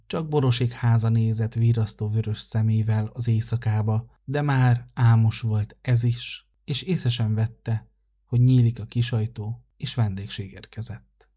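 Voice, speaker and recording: Husky-voiced male storyteller, calm measured reading, dull lo-fi recording. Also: fairly low pitch. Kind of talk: read-aloud children's story.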